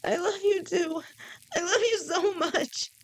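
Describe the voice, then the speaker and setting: This is a roleplay where a woman performs a devoted snake-tailed lamia girlfriend talking softly to her partner. At an extremely high pitch, she sounds overjoyed and tearful, her words halting and occasionally stammered.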